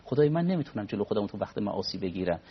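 A man speaking as a cleric guest on a religious talk program, explaining in a measured way and quoting Arabic prayers. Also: lowish voice, big pitch swings, husky, dull audio. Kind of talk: religious discussion.

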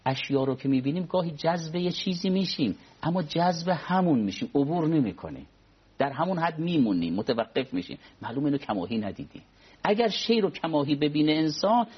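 A man speaking as a cleric guest on a religious talk program, explaining in a measured way and quoting Arabic prayers. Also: mid-range voice, breathy edge, dull audio. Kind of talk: religious discussion.

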